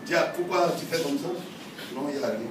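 A man with a high voice preaches a lively sermon, slipping into the voices of the people he quotes. He sounds set back from the mic in a very echoey church hall, with faint noise underneath. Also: a little fast, distant mic. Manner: animated preaching, acting out quoted church members. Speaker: pastor.

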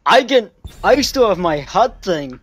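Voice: mid-range voice, big pitch swings, unhurried, husky, no room sound. A co-caster chatting casually about the game and easily exasperated. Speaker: stream co-caster.

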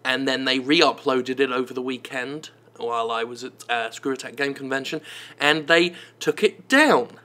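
A man's voice: medium pitch, normal speed, bright, forceful tone. A man giving sarcastic commentary over gameplay footage as a video game critic, sardonic and emphatic, often repeating himself and using fillers.

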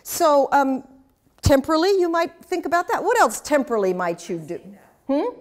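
A woman's voice: sits high, sing-song, normal speed. An older woman giving an interactive class talk, chatty and anecdotal, with humorous asides and questions to the audience. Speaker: speaker teaching a class.

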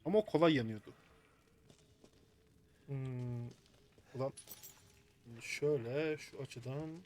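A man's voice: mid-range voice, slow pace, darkish tone, slight background noise. A man commentating his own video game play, muttering to himself in frustration as he works through a puzzle. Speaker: gaming streamer.

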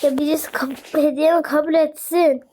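A young woman casually commenting on a mobile game as she plays, excitable and often crying out in delight. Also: high-pitched, normal speed, slight background noise. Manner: excitable, squeals and cries out in delight. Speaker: gaming channel host.

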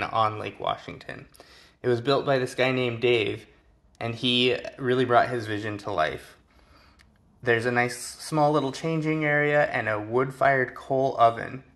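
A man with a bright, forward voice of medium pitch narrates a travel vlog. He speaks as a host in a casual, scripted voice-over style, presenting a place to viewers. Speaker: vlogger narrating a visit.

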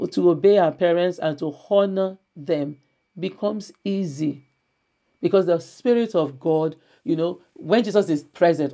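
Lady pastor giving a sermon, mellow warm tone, keeps repeating her main line for emphasis. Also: fairly low pitch. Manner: repetitive, emphatic preaching with scripture readings. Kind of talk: church sermon.

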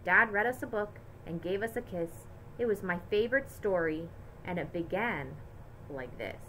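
Bright, expressive woman reading aloud. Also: mid-range voice, normal speed, a little hiss or hum, poor audio. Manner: lively, expressive storytelling. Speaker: teacher. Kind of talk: reading a picture book aloud to children.

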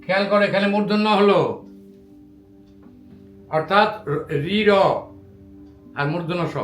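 A man with a high voice gives a patient classroom grammar lesson and drills word forms slowly, one at a time. His voice echoes around the room. Faint music plays underneath. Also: fairly bright tone. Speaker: Sanskrit teacher.

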